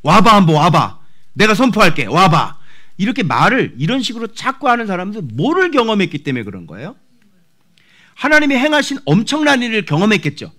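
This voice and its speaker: With a high-pitched, fairly quick voice, a man in his forties pastors a congregation through an expository sermon. He acts out voices animatedly, complete with shouts.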